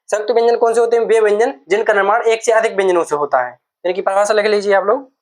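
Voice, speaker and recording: A male teacher giving a classroom lecture. He dictates notes at a slow pace and repeats each phrase so students can write it down. He keeps asking the class questions and then answers them himself. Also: high-pitched, steady tone. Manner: dictates slowly, repeating words for students to note down.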